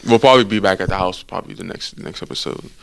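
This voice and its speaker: A man's voice: low voice, fast talker, gravelly, clear, resonant tone. A laid-back young man co-hosting a casual podcast, teasing his friends. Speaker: podcast co-host. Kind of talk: casual chat.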